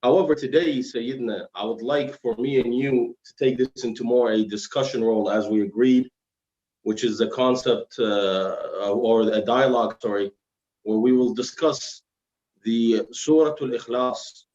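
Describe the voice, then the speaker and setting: A guest-lecturing Islamic scholar teaches a religious lesson in dialogue form, explaining formally and weaving in Arabic phrases. His mid-range voice is a little mellow at normal speed, with slightly slurred, heavy-tongued diction. The recording is a roomy, dull live stream.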